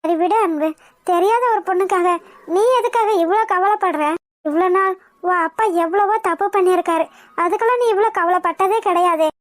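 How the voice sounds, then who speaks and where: Very high voiced resigned cartoon mother. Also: fairly quick, dry recording, studio quality. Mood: consoling. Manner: soothing, resigned. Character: worried consoling mother, middle-aged.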